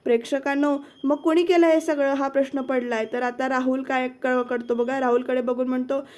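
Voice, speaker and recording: A woman's voice: sits high, fairly even intonation, moderate pace, darkish tone. A woman reviewing a TV serial episode, retelling the scenes and quoting the characters' lines while she speaks directly to her viewers.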